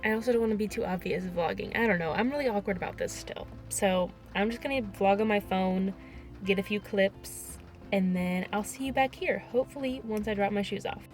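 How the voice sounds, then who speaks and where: A young woman in her twenties talks fairly quickly in a medium-pitched, slightly mellow voice over soft background music. It's a casual vlog recorded at home and then in a parked car through the camera's on-board mic held at arm's length, and she sounds chatty, a bit self-conscious, and filler-heavy.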